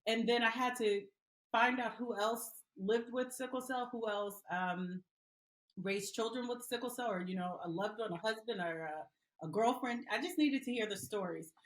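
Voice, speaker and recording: A middle-aged woman from Liberia, a mother speaking as a guest and telling her story earnestly with frequent pauses. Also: fairly high pitch, roomy sound, slight background noise, low-quality recording. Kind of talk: interview answers.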